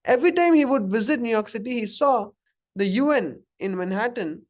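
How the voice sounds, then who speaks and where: Indian man teaching a scripture class. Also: high voice. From Karnataka, India. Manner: conversational, asks the audience questions, chuckles at own examples. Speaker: spiritual teacher. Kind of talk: informal scripture class talk. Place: room with a live audience.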